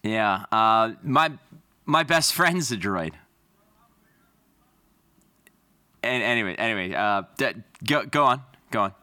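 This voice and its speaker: A man's voice: fairly low pitch, lively intonation, moderate pace, sharp tone, no echo, studio quality. A man playing a nervous, rambling male job applicant in a comedy sketch at a villain empire's hiring office. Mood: joking. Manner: rambling, hesitant and joking.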